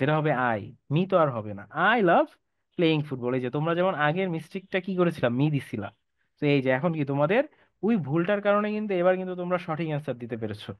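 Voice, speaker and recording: A young man with a Bangladeshi Bengali accent teaching a live online English class. He calls out student names and reads example sentences slowly and drawn out. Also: a little high, no echo. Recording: dull, dry, lo-fi sound.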